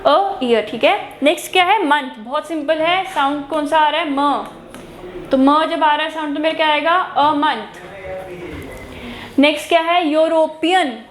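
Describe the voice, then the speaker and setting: A woman teaching an exam-prep grammar lesson, asking her students questions and answering them herself, switching between Hindi and English phrases. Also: high-pitched. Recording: echoey room with faint noise.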